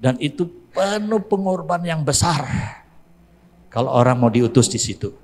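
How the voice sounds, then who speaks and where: A male pastor, preaching a sermon to his congregation in an animated way, rising to emphatic exclamations. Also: on the high side, moderate pace. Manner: addresses congregation directly.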